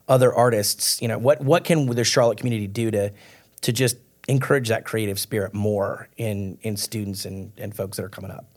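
A man's voice: mid-range voice, a little mellow. A man hosting a podcast, chatting with enthusiasm. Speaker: podcast host. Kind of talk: casual podcast chat.

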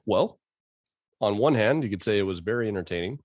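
Low male co-host, dry close mic, jokey and profane. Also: lively intonation, brisk, a little mellow, no room sound. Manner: joking, swears freely. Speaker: podcast co-host. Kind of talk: casual chat.

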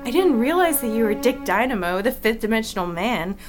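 A woman voicing an excitable, dizzy sidekick with breathless, melodramatic damsel delivery. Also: fairly high pitch, brisk. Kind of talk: parody radio-play acting. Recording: music bed under voice.

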